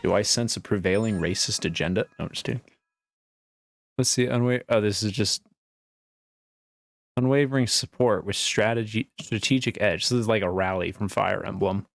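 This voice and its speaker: A man's voice: fairly low pitch, moderate pace, creaky, no room sound. A man giving casual, jokey, irreverent gameplay commentary. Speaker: gamer playing on camera or stream. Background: game music.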